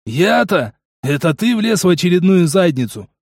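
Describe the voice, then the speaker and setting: A man voicing a gruff, sarcastic mercenary partner. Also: high-pitched, sing-song, moderate pace, darkish tone, dry recording, pitched above the performer's own voice, heavily acted.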